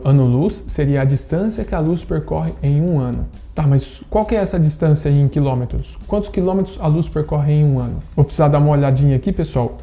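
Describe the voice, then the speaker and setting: Lecturing online, this thirtysomething Brazilian Portuguese–accented man walks through a science topic one step at a time, often tossing in brief tag questions to check understanding. He sounds a little high, with a creaky, dark tone.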